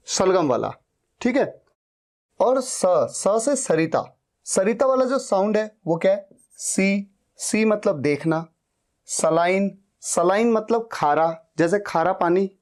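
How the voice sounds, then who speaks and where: A man teaching English phonics, who demonstrates each sound slowly and repeats it many times. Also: sits high, darkish tone. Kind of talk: teaching lesson.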